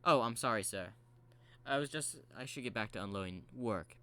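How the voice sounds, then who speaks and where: A man's voice: medium pitch, lively intonation, moderate pace, sharp tone. A man voicing a nervous young male dock worker who is jumpy and apologetic. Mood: flustered.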